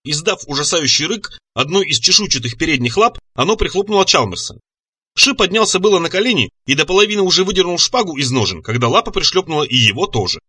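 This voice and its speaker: A man narrating an audiobook with expressive storytelling. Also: on the high side, fast, husky. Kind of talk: scripted narration.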